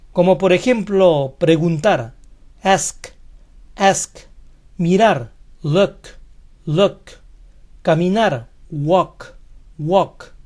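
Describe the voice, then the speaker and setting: A teacher giving a scripted pronunciation lesson, speaking deliberately and saying each model word twice. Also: medium pitch, darkish tone. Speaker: English teacher.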